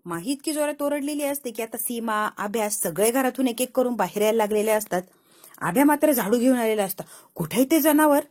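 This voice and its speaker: A woman casually recaps a TV serial episode, acting out each character's dialogue as she goes. Her voice sits fairly high and has a husky, breathy edge. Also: lively intonation, fairly quick, darkish tone. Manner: retells scenes, voicing each character's lines herself.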